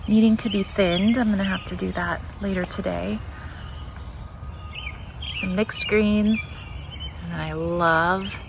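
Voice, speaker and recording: Birdsong and outdoor noise fill the background as a garden vlogger casually walks through her backyard vegetable plot, talking and thinking aloud. Her medium-pitched voice has noticeable vocal fry.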